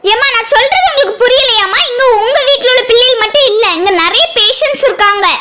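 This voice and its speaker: A performer playing a stern hospital nurse in a cartoon, scolding people to keep quiet. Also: extremely high pitch, fast.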